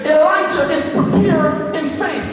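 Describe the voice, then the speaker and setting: Male pastor with a very high, fervent preaching voice, recorded distant in a big reverberant sanctuary. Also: measured pace. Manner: impassioned preaching with shouted, repeated refrains. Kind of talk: sermon. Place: church sanctuary. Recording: echoey church hall, distant mic, organ music and congregation.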